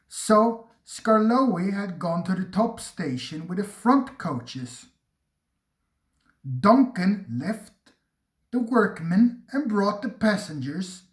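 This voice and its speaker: An unhurried narrator reads a railway storybook aloud. The pitch moves with lively expression. The voice echoes in a roomy space. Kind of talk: storybook reading.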